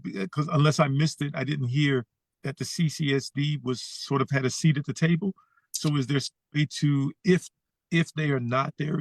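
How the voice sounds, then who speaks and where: A man's voice: a little high, no room sound. Man asking long probing questions. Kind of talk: interview questions.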